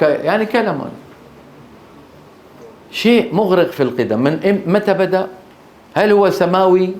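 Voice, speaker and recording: A man teaching a class on Quran recitation. He explains slowly, repeats key terms and keeps checking that students are following with short questions. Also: fairly high pitch, slight background noise. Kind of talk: classroom lecture.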